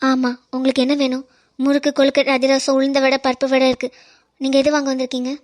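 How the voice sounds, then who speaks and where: Old village lady selling snacks and teaching music, voiced by a performer, proud, high, very dry. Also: completely flat delivery, fast talker, no echo, lightly acted. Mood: brisk. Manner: proud, insists on being called teacher. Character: older village woman who sells snacks and teaches music.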